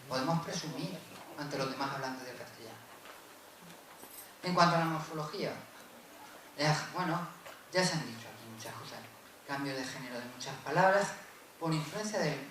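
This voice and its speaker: A man giving an academic conference lecture, explaining step by step, often adding tag questions and correcting himself. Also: fairly high pitch. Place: university lecture room. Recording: very echoey room, from far off, with noise.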